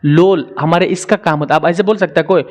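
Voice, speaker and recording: Man teaching syllables, slightly high voice. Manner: drills sounds slowly, repeating syllables; asks viewers to comment and answer. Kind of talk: Hindi grammar lesson.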